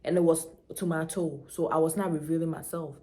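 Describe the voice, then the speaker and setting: A young woman with a Ghanaian accent tells a story to camera in an emphatic, animated way, mixing local slang into her talk. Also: sits low, brisk. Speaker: vlogger.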